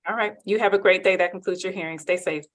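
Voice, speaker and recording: A woman judge with a low voice moves quickly through a court hearing, heard on a courtroom recording. She is brisk and formal and reads the set procedure by rote. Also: fairly even intonation, fairly bright tone.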